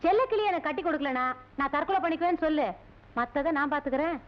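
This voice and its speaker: An actress plays a cunning village mother with a high voice and a sharp tongue, scolding and plotting in earthy village talk. The film audio is dull and lo-fi. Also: quick pace, close to an everyday voice. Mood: scheming. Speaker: mother of the hero. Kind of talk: Tamil film drama dialogue.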